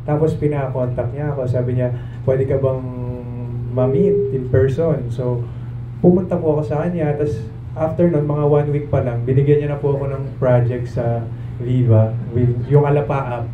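A man's voice: mid-range voice, fairly even intonation, moderate pace, phone-quality sound, noisy background. Young man answering politely in an echoey room. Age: young adult. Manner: polite, soft-spoken, rambling answers. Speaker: actor at a press conference. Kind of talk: casual interview answers. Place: large conference room with echo. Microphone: handheld mic, recorded by a far camera. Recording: echoey room from far off, thin sound.

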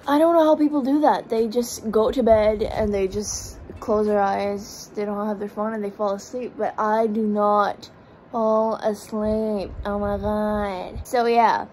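A woman's voice: medium pitch, steady tone, measured pace, darkish tone, slight background noise, rough recording. A young woman in her twenties, tired after an all-nighter, chatting and rambling casually to a phone camera held at arm's length in a small bedroom. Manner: chatty, rambling, self-mocking. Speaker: vlogger. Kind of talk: casual vlog chat to camera.

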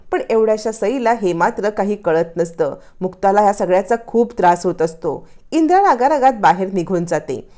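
A woman narrating a recap of a television serial in a steady storytelling manner. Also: medium pitch.

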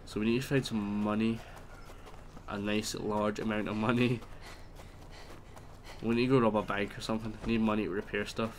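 A let's play host with a stuffy nose gives rambling, chatty gameplay commentary, exclaiming at what happens on screen. His voice is fairly low with little pitch movement, his pace moderate with long pauses, and there's slight background noise.

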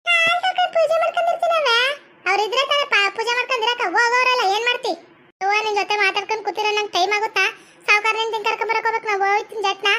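A woman playing a bossy, sharp-tongued middle-aged village aunt in a comedy skit, speaking with a North Karnataka Kannada accent. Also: extremely high pitch, fairly even intonation, racing, slight background noise. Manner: scolding, sharp-tongued, theatrical.

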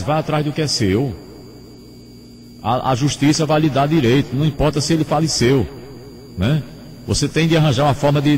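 Lively Brazilian radio host, animated. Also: male voice, mid-range voice. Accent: Brazilian Portuguese, northeastern. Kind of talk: call-in radio talk. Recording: radio broadcast with faint noise.

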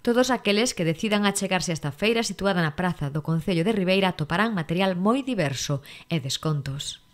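A woman news reporter delivering scripted news narration in an even, measured way. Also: on the low side.

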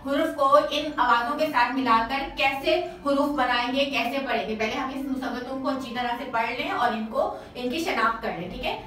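A woman teacher gives a children's lesson, patiently repeating each sound loudly for pupils to copy. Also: high voice, normal speed, few pauses. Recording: very echoey room, distant mic, faint music.

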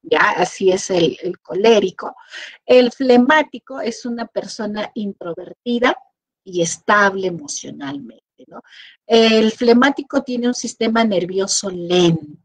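A middle-aged woman with a Peruvian Spanish accent, giving an online class lecture in an animated way. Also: mid-range voice, measured pace, no echo, poor audio. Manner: animated, acts out quoted people with lively voices. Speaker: teacher.

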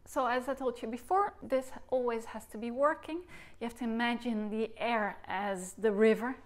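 Her voice on the high side and her speed normal, a thirtyish Dutch recorder teacher gives a demonstration lesson while seated on a sofa at home. She explains articulation patiently, voicing syllables and gesturing.

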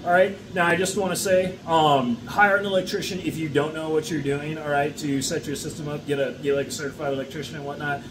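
A man's voice: a little high, fairly quick, hardly any pauses. Chatty man explaining his farm setup. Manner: chatty, peppered with "okay?" and "all right?". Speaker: mushroom farmer. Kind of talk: casual how-to talk to camera. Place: indoor farm room with grow shelves. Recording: steady background noise.

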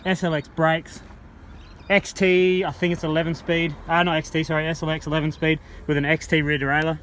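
A man with a fairly high voice talks a little fast, casually walking through a mountain bike before riding it on an outdoor trail. It's a relaxed, chatty ride-along review that gets excited on the ride, filmed on a helmet or bike-mounted action camera with faint wind noise.

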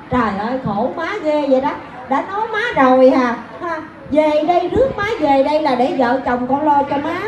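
A woman's voice: sits high, highs cut off. A woman with a Southern Vietnamese accent playing a chattering daughter who fusses over her mother while loading her with chores. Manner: rapid, fussing and exclaiming. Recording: echoey stage with music.

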